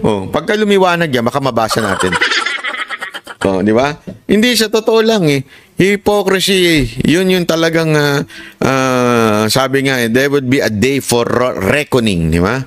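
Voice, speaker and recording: A man's voice: big pitch swings, moderate pace, no room sound. Sarcastic man with a dry, close sound. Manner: rhetorical, keeps asking "di ba?" and "ha?"; mocking and sarcastic, with sharp jumps in pitch. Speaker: political commentator hosting a live stream. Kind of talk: casual political commentary.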